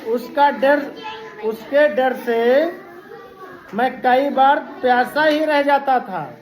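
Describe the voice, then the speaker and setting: A woman's voice: high voice, slow, echoey room, rough recording. A woman voicing a sly, cautious male jackal in a children's story, asking wary questions. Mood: curious.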